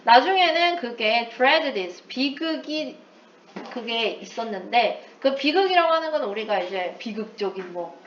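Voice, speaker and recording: A woman teacher with a slightly high voice explains her lesson in a lively way, tossing in playful asides and English terms. She sounds set back from the microphone in an echoey room. The recording is dull and lo-fi, with faint noise underneath. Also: unhurried, recorded from a distance. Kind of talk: recorded lecture.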